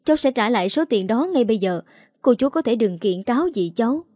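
A woman's voice: fairly high pitch, lively intonation, brisk, dark tone, no room sound, clean studio sound. A woman voicing a young female model who pleads, stammers and sobs. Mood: pleading tearful.

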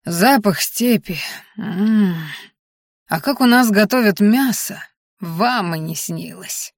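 A woman playing a bossy orc girl, blunt and loud, barks orders, dry close recording. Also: mid-range voice, measured pace, dry recording, natural voice. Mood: boastful. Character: bold, brash young orc woman, chieftain's daughter.

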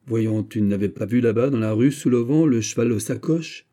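A man's voice: medium pitch, moderate pace, dark tone, natural voice. A man voicing a bold, swaggering middle-aged musketeer captain who barks commands and exclamations in a storybook reading. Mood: commanding, jubilant. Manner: exclamatory, commanding, swears "mordieu".

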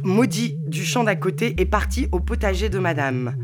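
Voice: mid-range voice, lively intonation, normal speed, music in the background. A voice declaiming absurd rambling verse. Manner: rambling, absurd, half-sung poetic declaiming. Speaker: participant reading on an event radio. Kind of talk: reading surreal poetic text. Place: makeshift radio at a summer gathering.

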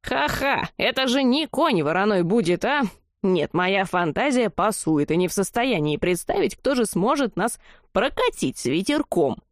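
A woman voicing a grumpy male dragon head with a hoarse, wheezy voice that breaks into coughs. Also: mid-range voice, big pitch swings, normal speed, no room sound, clean studio sound, lightly acted. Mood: grumbling.

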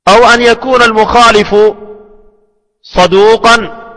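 A male scholar giving a slow, deliberate classroom lesson on hadith terminology, repeating phrases so students can write them down. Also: extremely high pitch, fairly even intonation, sharp tone, in a large hall, rough recording. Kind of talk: slow classroom lecture with repetition for dictation.

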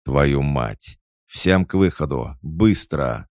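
A cruel bandit boss snarls threats and barks orders to his men, as a male audiobook reader puts him on. The voice stays deep and gravelly, pushed louder and higher than the reader's own. It is dry and close, with no room around it. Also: measured pace, no echo, exaggerated voice. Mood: barking orders. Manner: menacing and shouting orders.

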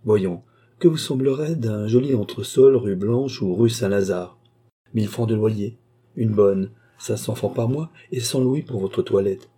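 A man's voice: lowish voice, unhurried, warm tone, slightly rough. A man voicing an old, lecherous male office chief in a storybook, jovial and patronizing. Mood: boastful.

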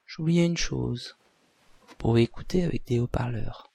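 A man, a hypnotherapist leading a relaxation session in a deliberate, soothing, breathy voice with pauses. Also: mid-range voice, warm tone, no echo. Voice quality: breathy, husky, at times near whisper.

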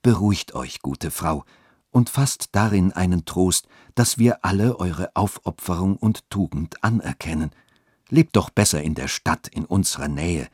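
A man reading a radio story, voicing a stern, dignified church dean who speaks in a grave, measured way. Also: mid-range voice, expressive, warm tone, slightly rough, dry recording, clean studio sound.

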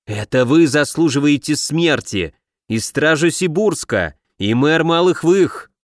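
A man voicing a cowardly merchant turned into a bone-armored undead monster, talking in a shrill, pleading, desperate way in an audiobook. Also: animated, unhurried, no room sound, studio quality. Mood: bitter accusing. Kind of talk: audiobook narration.

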